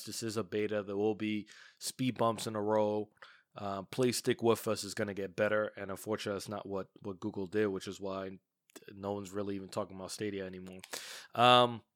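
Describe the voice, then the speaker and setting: His voice sits on the low side, stuffed up from a cold, as he hosts a casual solo gaming podcast. The studio sound is dry and clean, and his chatty commentary is full of fillers and restarts.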